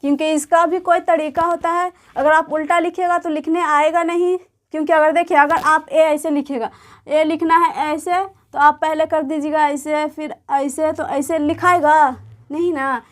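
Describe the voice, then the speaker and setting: A woman teaching beginners to read and write, explaining patiently and repeating each word and letter slowly. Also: sits high, fairly even intonation. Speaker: Urdu teacher. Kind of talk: slow explanatory lesson.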